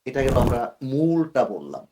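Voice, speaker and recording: A man speaks as an interview guest, explaining things in an earnest, warning manner. He mixes English words into his sentences. His voice sits at an ordinary middle pitch. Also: big pitch swings, a little slow, background noise. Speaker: guest expert.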